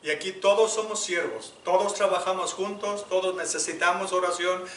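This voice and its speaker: Impassioned high-voiced preacher, echoey church. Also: male voice, steady tone, normal speed, a little hiss or hum. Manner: impassioned preaching, swinging from loud to hushed. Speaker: pastor. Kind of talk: sermon. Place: church sanctuary. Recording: echoey church room, mic at a distance.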